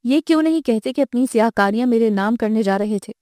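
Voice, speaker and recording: Bitter young wife, voiced by the woman reader; mellow, dry, slightly high voice. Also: no echo, close to an everyday voice. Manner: cold, cutting. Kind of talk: audiobook character voice.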